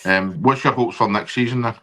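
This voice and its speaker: A man's voice: fairly low pitch, fairly quick, sharp tone. A man with a broad Scottish accent hosting a casual live football interview in an informal, matey way. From Scotland. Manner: informal, matey, colloquial phrasing. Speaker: football podcast host and interviewer.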